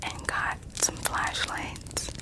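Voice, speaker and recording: A person telling stories in a soft, breathy ASMR whisper, lingering over words and softly repeating some of them. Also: drawn-out words. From United States. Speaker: ASMR creator.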